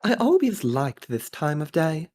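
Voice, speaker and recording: Woman putting on a posh Australian executive, animated pitch. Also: unhurried, slightly rough, exaggerated voice. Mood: wistful, composed. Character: posh Australian corporate executive woman, cool, composed, wistful. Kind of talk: character voice reading game dialogue. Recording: music playing behind the voice.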